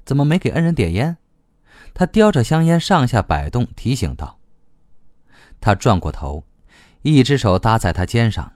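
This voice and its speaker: A man narrating a novel as an audiobook, reading in a lively, expressive way. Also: lowish voice, dry recording, clean studio sound.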